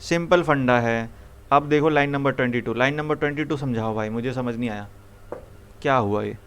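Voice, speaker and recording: A man's voice: medium pitch, brisk, slight background noise. A young man teaching programming to a live classroom, coaxing students with repeated questions. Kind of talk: live classroom coding lesson.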